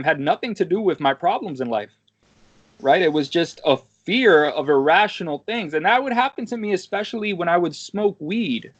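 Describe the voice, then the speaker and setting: A man's voice: on the high side, dry recording. Young man, dry dull-sounding podcast mic. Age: 20s. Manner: rambling, with frequent "right?" tags and casual swearing. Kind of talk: casual podcast conversation.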